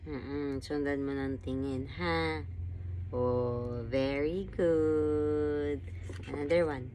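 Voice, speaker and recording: A woman, a mother, talking baby talk to her infant in a home video, cooing softly and asking the same questions over and over. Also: low voice, drawn-out words. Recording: steady background noise.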